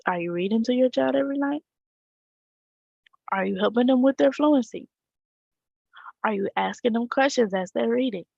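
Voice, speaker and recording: A woman's voice: on the high side, moderate pace, vocal fry, long pauses, dark tone, no room sound, highs cut off. A woman teacher, talking casually to parents and checking in with a rhetorical "right?". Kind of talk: casual direct talk to parents.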